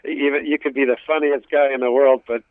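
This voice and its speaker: This interview guest is a middle-aged comic whose first language is Greek but who has a New York-area accent, hailing from New York and New Jersey. He rambles through casual funny stories with stammering restarts, his medium-pitched voice steady and brisk, recorded dry with a dull, lo-fi radio quality.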